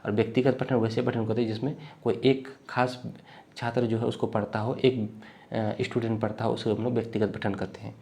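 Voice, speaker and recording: A man from the teaches an exam-prep lecture while unwell. He explains slowly and repeats himself, often checking in with "thik hai". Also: mid-range voice, flat delivery, warm tone. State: unwell, coughing.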